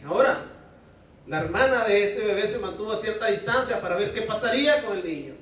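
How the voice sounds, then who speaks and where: A man's voice: high voice, expressive, brisk, a bit bright, very echoey, recorded from a distance, a little hiss or hum, low-quality recording. A male pastor preaching a sermon in a conversational way, often asking the congregation to respond. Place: church hall.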